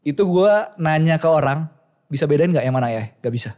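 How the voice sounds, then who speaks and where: A man's voice: on the high side, expressive, fairly quick, a little mellow. A young man, a content creator, explaining things patiently step by step in a casual chat.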